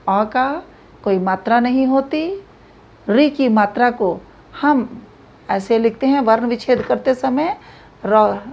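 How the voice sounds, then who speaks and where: A woman teacher giving a grammar lesson, explaining slowly and repeating examples aloud. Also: on the high side, a little mellow. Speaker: Hindi teacher. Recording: dull lo-fi recording.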